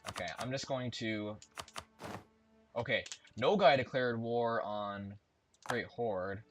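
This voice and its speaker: A man with a mid-range voice takes it slowly while casually commentating on a strategy game he's playing. In this let's-play talk he thinks aloud, chats, and corrects himself, with game music and keyboard typing behind him.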